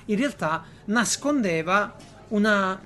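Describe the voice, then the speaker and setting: Male podcast host, conversational and ironic, lively delivery with emphatic repetition. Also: high-pitched, slow pace. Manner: animated, ironic, repeats phrases for emphasis. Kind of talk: casual chat.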